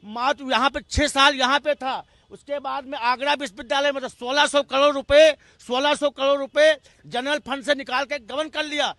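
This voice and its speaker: High, bright-voiced man arguing heatedly. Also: fairly even intonation, moderate pace, hardly any pauses, dry recording. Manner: impassioned, rhetorical lists. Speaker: Congress party spokesman. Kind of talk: heated TV debate argument.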